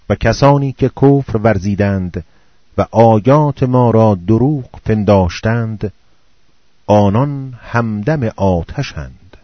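Male reader, low voice, solemn measured scripture reading, dull dry recording. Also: dry recording. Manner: slow, solemn recitation in short phrases.

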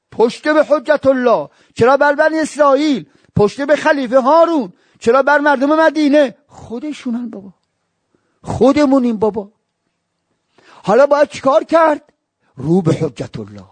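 A man preaching a religious sermon, telling stories and breaking into high wailing cries and chanted verses. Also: expressive, no echo. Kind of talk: Shia religious sermon with storytelling.

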